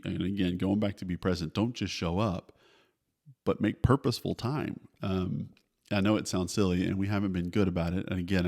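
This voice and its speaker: A man's voice: low-pitched, creaky, darkish tone. A middle-aged man hosting a podcast, giving candid, down-to-earth parenting advice in a casual way. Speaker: podcast host.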